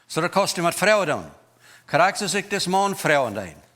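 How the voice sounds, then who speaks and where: A man preaching a sermon in a church, with a Low German accent, mixing German and English words into his talk in an emphatic way. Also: very animated, moderate pace, a bit bright. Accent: Mennonite Low German.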